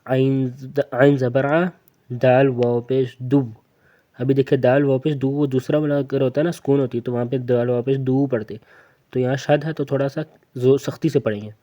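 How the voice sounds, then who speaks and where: A man with a mellow, dark voice and a Pakistani Urdu accent leads a slow Quran reading lesson. He patiently spells out each letter and repeats words as a drill. His delivery is steady and methodical, like a classroom teacher. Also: mid-range voice.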